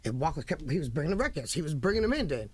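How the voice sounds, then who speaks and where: A middle-aged woman, a guest on a radio show, telling a story in a blunt, animated way, laughing often and swearing freely. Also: low voice, rapid-fire, breathy edge. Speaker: guest, music manager. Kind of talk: casual radio interview storytelling. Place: radio studio.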